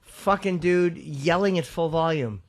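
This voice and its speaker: A man co-hosts a casual podcast and tells stories in a chatty, profane way. His voice sits a little high for a man. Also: measured pace. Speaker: podcast co-host.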